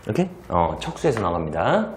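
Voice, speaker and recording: Animated male teacher with lively swings. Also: on the low side, fairly quick, a little hiss or hum. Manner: animated storytelling with sound effects and acted dialogue; rhetorical asides to students. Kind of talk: lively classroom lecture. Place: lecture hall.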